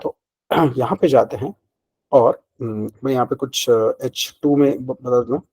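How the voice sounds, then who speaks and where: Guy explaining code in a relaxed mellow voice, mixing in english, lots of "right?" check-ins. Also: medium pitch, unhurried, breathy edge, low-quality recording. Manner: mixes Hindi and English, asks and answers his own questions; conversational, frequent fillers like "ठीक है" and "ना". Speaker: programming instructor. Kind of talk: screen-recorded coding lesson.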